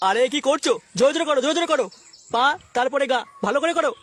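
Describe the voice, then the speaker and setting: A woman's voice: high-pitched, rapid-fire, slight background noise, lightly acted. A woman voicing a sleazy, bossy male music teacher in a comic cartoon who stammers when caught.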